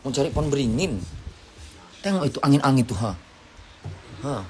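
A woman's voice: extremely low pitch, animated, moderate pace, darkish tone, a little hiss or hum. A woman vlogging at home, grumbling about the rain and cooing and scolding at her cats in a casual monologue.

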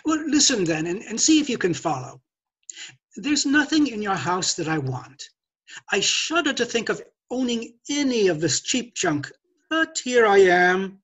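An older man acting a glib gentleman thief in a social satire play. His husky voice swoops expressively as he lectures with haughty, theatrical condescension. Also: high voice, full character voice. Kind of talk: stage play read over video call. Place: indoors, curtained room. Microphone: video call.

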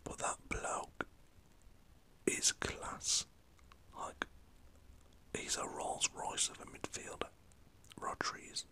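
A man from the north of England whispers slowly, leaving long pauses, his tone sharp. He rambles chattily about football for an ASMR channel, swearing mildly, facing a camera set up in front of him.

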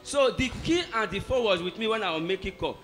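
A man with a high, lively voice that swings widely, telling his testimony in an animated way. Soft music plays under him. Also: fairly quick. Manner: animated storytelling of an ordeal. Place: church hall.

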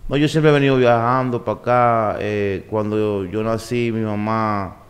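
A man's voice: on the low side, fairly even intonation, moderate pace. Laid-back man in his forties. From Puerto Rico, raised in New York and the Dominican Republic. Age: 40s. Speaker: guest. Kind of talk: casual interview talk. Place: podcast studio. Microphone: desk mic on boom arm.

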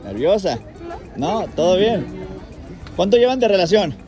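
A man's voice: high voice, sing-song, unhurried. A young man with a Mexican accent hosts a street challenge, teasing and cheering people on in slangy casual talk, filmed on a handheld phone in a crowded plaza. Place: crowded outdoor plaza by a car. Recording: loud crowd and music outdoors.

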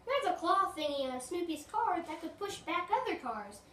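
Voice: very high-pitched, sing-song, normal speed, bright, forceful tone. A young voice chattily voicing toy dogs in an amateur toy role-play. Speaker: home video creator voicing toy dogs.

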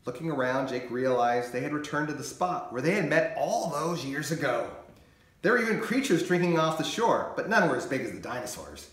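An expressive man reading a children's story aloud, his slightly high voice swinging widely in pitch. He tells it with an animated storyteller's manner. The recording has a noticeable echoey room. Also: fairly quick. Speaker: meteorologist and author reading his book.

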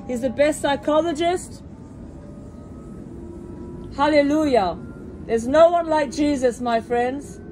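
A woman preaching fervently to passengers inside a moving train, with repeated hallelujahs and direct appeals, recorded on a phone. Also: poor audio. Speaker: street preacher. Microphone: phone camera held by the preacher. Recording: phone audio with loud train noise. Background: train rumble.

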